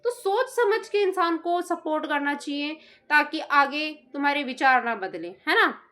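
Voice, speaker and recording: High-voiced indignant woman commenting. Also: lively intonation, normal speed, pushed and bright. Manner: indignant, scolding, mimics others in quotes. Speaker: reaction video commentator. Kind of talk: casual opinion commentary.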